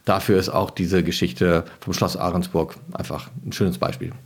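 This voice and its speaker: A man talking as a historian and author guest in an interview, explaining with lively storytelling and occasional hesitations. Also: low voice, normal speed, vocal fry, husky. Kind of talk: interview answers.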